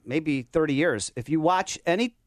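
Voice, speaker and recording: A man's voice: a little high, normal speed, dry recording. A man hosting a radio show in a chatty, unscripted, effusive way, on a close studio microphone.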